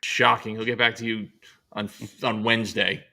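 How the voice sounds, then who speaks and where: A man's voice: fairly low pitch, flat delivery, normal speed, gravelly, bright, forceful tone. A man co-hosting a casual chat, with blunt, teasing and crude banter.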